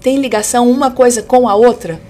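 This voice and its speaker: A Brazilian woman hosting a podcast in a casual, effusive way, her voice slightly hoarse and giving out. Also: a little high, steady tone, a little fast, mellow. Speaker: podcast host.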